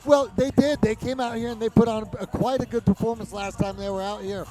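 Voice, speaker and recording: A male sports commentator with a notably high voice. He gives live fight commentary in a conversational way, over faint background music. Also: fairly even intonation, brisk.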